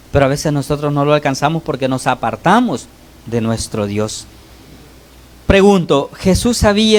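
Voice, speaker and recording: In his sermon, this lay preacher from El Salvador keeps stopping to ask the brothers "¿verdad?" His voice moves sharply up and down between phrases, varying a lot in both pitch and loudness.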